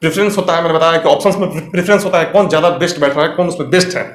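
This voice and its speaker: A man's voice: fairly high pitch, very fast. A man giving an exam-prep grammar lecture, explaining step by step and quizzing the viewer. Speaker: English teacher. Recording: echoey room.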